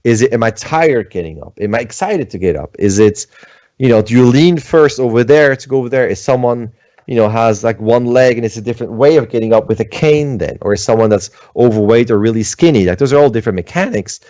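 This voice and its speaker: In a relaxed livestream Q&A at home, a middle-aged Swiss animator wanders through his answers, leaning heavily on fillers. The voice is lowish and a little mellow, and the recording is dry.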